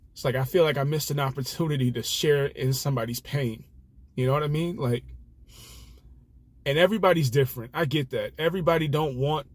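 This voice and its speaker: A man's voice: medium pitch, no echo. A young man, a rideshare driver, telling a personal story in an earnest, rambling way full of fillers. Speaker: rideshare driver sharing stories. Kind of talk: casual reflective storytelling.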